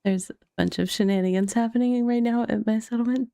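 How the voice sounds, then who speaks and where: Mellow, giggly woman streamer. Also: on the high side, steady tone, a little fast, creaky, no echo, clean studio sound. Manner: chatty, laughs often, loose with fillers. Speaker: game streamer. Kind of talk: casual live-stream chat. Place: at home. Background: faint chill background music.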